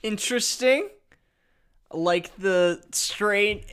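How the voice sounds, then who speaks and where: A man's voice: high voice, very slow, a bit bright, smooth. A man co-hosting a podcast, reacting with dry, wry comments. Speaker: podcast co-host. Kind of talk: casual banter.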